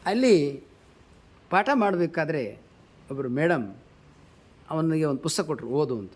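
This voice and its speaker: A man giving a storytelling sermon, asking his listeners questions and dropping soft and low for tender moments. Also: expressive, slightly rough. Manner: slowly chants a verse. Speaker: preacher.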